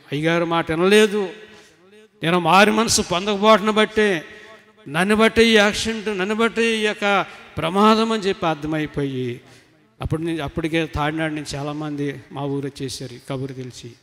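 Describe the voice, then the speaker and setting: A middle-aged man pours out a fervent personal testimony to a church retreat congregation. His fairly high voice surges into loud emphatic cries, then drops to soft, low asides. Everything rings with the long reverb of a large hall.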